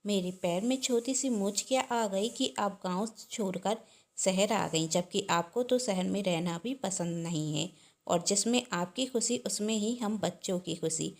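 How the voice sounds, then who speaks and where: A woman's voice: medium pitch, unhurried, close to an everyday voice. A woman voicing a scheming young daughter-in-law who speaks sweetly but falsely, in a family storybook reading.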